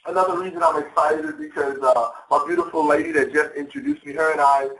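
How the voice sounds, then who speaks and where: A man's voice: a little high, fast. Echoey, distant fired-up man on a call. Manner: excited, repeats words often, says "y'all". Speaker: guest speaker on a sales call. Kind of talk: enthusiastic motivational call talk. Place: home office. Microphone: phone or conference line. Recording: echoey, far from the mic.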